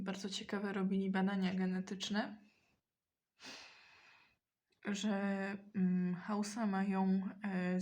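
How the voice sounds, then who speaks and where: A woman talking casually in a mukbang while eating, hesitant and often pausing mid-sentence to think. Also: medium pitch, darkish tone. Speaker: mukbang vlogger.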